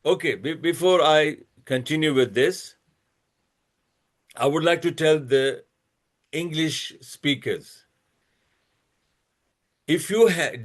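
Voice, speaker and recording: A man with a voice on the high side hosts his own channel, giving a lecture-style religious comparison. He reads a string of references slowly and deliberately, with many restarts and fillers, and grows blunt and scolding when he turns to his critics.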